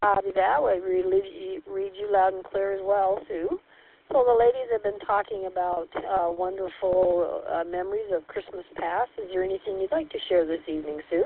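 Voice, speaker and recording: A woman hosting a radio net check-in, heard over a two-way radio, speaking in a friendly, measured way with hesitant fillers. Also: medium pitch, very animated, gravelly. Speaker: net control host. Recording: tinny two-way radio with faint static.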